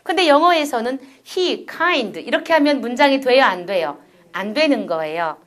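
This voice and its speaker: Speaking at normal speed in a high, expressive voice, a middle-aged lecturer walks through her university material step by step in a recording. She frequently poses rhetorical questions to the audience.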